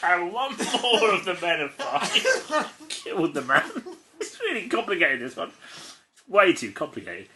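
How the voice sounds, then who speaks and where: Against crowd noise, an English comedy podcast co-host reads a child's stories in an unhurried, sing-song voice that sits high. He is giggly, frequently stumbling and stopping to make asides.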